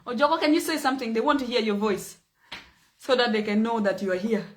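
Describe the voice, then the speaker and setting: A woman's voice: fairly high pitch, quick pace, heavy background noise. A young Ugandan woman with a Ugandan accent hosting a casual livestream chat, playful and teasing, laughing often with her viewers. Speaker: livestream host.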